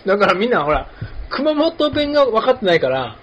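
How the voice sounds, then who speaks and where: A man's voice: high voice, big pitch swings, a little fast. A man from hosts a podcast, chatting casually and explaining things with examples. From Kumamoto, Japan. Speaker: podcast host. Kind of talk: casual chat. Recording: dull lo-fi sound with faint noise.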